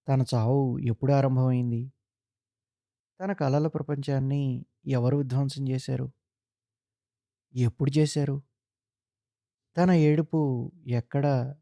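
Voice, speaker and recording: A man reading a literary short story aloud in a measured, solemn narration. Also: mid-range voice, creaky, mellow, no room sound.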